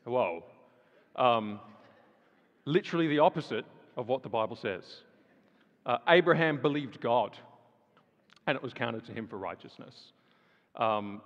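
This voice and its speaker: In a dull-sounding recording with lengthy hall reverb, a man speaks as the guest at a sermon-style talk before a live audience in a large hall. His voice is mid-range with a fairly bright tone, and he talks conversationally, adding fillers and building emphasis.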